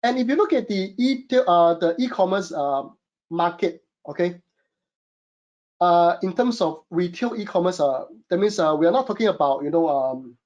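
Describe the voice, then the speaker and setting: A man's voice: sits high, animated, moderate pace, a little mellow, highs cut off. A man from Singapore with a Singaporean English accent, presenting a webinar from a home studio in a chatty way, full of fillers. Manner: chatty, many fillers, addresses audience as guys. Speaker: webinar host and e-commerce consultant.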